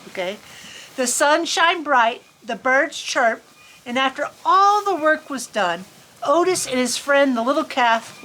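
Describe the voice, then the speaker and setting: A farm storyteller host with a high-pitched, pushed and bright voice reads a children's storybook in a folksy, playful way, adding casual asides. Recorded outdoors in cold weather, the poor audio holds faint farm ambience and background noise.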